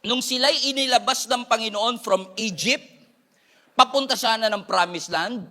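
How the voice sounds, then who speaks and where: Filipino male pastor, high bright voice, animated sermon delivery, teasing asides to the congregation. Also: moderate pace. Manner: switches between Tagalog and English, jokes with congregation.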